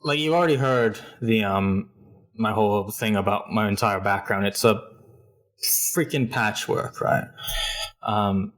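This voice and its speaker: A man's voice: lowish voice, measured pace, a bit bright. A young man from Hong Kong, a guest in a casual interview, talking thoughtfully about himself with a self-deprecating humor and many restarts. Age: young adult.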